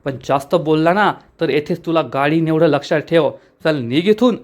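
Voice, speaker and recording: A man voices a hot-headed young son from a TV serial, quick to anger and confrontational. The voice sits somewhat high and pushes hard on each line. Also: lightly acted. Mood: menacing. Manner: angry, confrontational.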